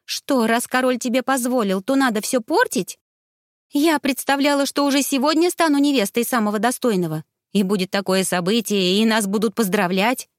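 A flighty young noble girl, as a woman reader puts her on, her voice pitched up high and pushed loud with eager indignation. She swings between dreamy hopes and hurt protest, the storybook read dry and close. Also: very animated, unhurried, no room sound. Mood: dreamy indignant.

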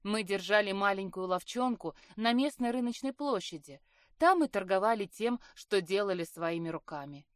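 A woman narrating a fantasy audiobook in a measured, even storytelling manner, recorded in a studio. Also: medium pitch, dry recording. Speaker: audiobook reader. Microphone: studio mic.

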